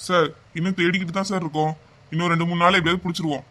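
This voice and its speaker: A man's voice: high voice, flat delivery, very fast, pushed and bright. A man voicing a dutiful, middle-aged head constable in a cartoon. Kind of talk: cartoon voice acting.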